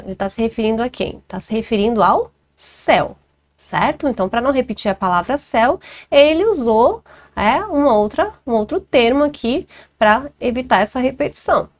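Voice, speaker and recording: Brazilian female teacher, chatty exam walkthrough over a screen recording, higher pitch. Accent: Brazilian Portuguese. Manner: chatty, checks in with listeners often.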